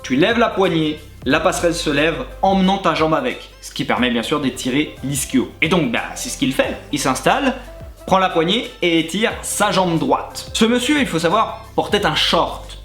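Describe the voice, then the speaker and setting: A man with a somewhat high voice tells crude comic anecdotes from his days as a gym coach. He talks straight to the listener and keeps cracking himself up. The room is echoey, with soft music running underneath. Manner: animated, crude and laughing, addresses the listener directly. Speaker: YouTuber recounting his time as a gym coach. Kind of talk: comedic anecdote storytelling to the viewer.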